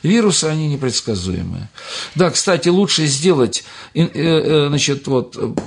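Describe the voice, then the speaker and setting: A man's voice: on the high side, lively intonation, moderate pace, creaky, husky. An older retired man speaking as a doctor in an interview, rambling and hesitant, with many fillers and restarts. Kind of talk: interview answers.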